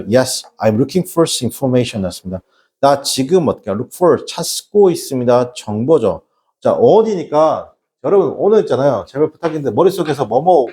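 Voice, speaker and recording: A middle-aged man lectures a classroom of students on English grammar, joking and constantly checking that they follow. His pitch swings widely from line to line, and his tone is warm and mellow. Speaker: English teacher.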